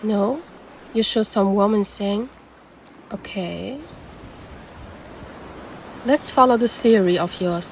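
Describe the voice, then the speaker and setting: A woman's voice: mid-range voice, slow pace, creaky, pauses often, a little hiss or hum. A woman voicing a predatory female siren who poses as a lifeguard and teases the listener in an audio roleplay. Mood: concerned, puzzled. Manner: teasing, calls the listener handsome.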